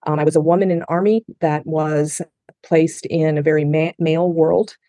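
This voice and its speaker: With a low, dark voice, fairly even intonation and a moderate pace, a middle-aged woman raised in Japan gives personal testimony in a podcast interview. Speaking English as a second language, she tells her life story earnestly and from the heart, restarting frequently, with no echo in the audio.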